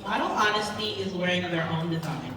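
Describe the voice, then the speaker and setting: A woman's voice: on the low side, expressive, a little fast. Woman fashion show emcee in echoing hall. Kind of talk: fashion show emcee announcing models and outfits. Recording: echoey hall PA, far off, loud music, crowd. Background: loud music and crowd noise.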